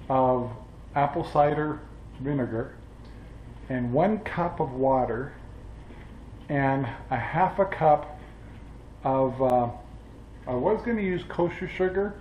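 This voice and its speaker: An older man hosting a casual home cooking demonstration, speaking in an easygoing, halting way with chuckles, recorded in a home kitchen on a camera mic. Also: fairly high pitch, darkish tone, a little hiss or hum. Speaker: cooking channel host. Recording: roomy, slightly dull home audio.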